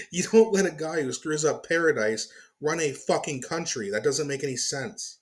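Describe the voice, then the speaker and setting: A man's voice: fairly high pitch, moderate pace. A man hosting his own commentary channel, ranting in disbelief and swearing freely as he reacts to a clip, then winding down to sign off to his viewers. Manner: exasperated, swearing, incredulous.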